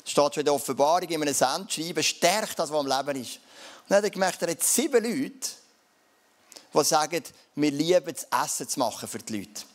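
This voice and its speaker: A man's voice: a little high, lively intonation, fairly quick. Swiss German man preaching casually. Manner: casual, conversational preaching with dialect fillers. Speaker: pastor. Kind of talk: sermon.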